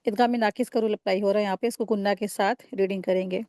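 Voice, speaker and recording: Warm-voiced woman teaching Quran recitation. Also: mid-range voice, fairly even intonation, no echo, clean studio sound. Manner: explains each rule, then models the words slowly and drawn out; patient, repeats and corrects common mistakes. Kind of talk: tajweed lesson.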